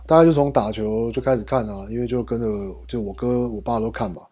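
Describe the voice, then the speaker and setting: A man's voice: medium pitch, fast, mellow, husky. A man from Taiwan with a Taiwanese Mandarin accent, chatting casually with friends as a guest. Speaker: podcast guest.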